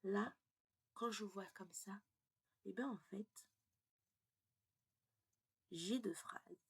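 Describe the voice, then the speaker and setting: A woman teaching French pronunciation in a casual lesson, explaining step by step, often dropping to a breathy half-whisper and checking in with "ok?". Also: mid-range voice. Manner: slow, deliberate delivery.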